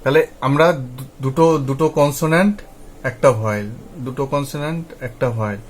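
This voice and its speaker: A man with a Bengali accent teaching English pronunciation, spelling letters slowly and repeating each sound, often checking that his listeners follow. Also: on the high side, slight background noise. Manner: often asks "ঠিক আছে?" to check understanding. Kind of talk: slow spelled-out pronunciation lesson.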